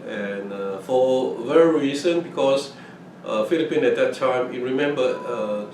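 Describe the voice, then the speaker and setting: Speaking in a medium-pitched, unhurried voice, an older man from Hong Kong, a native Fujianese (Minnan) speaker, reminisces casually about his early years for an oral history interview, often restarting and repeating words. The mic is distant in an echoey room, with faint noise.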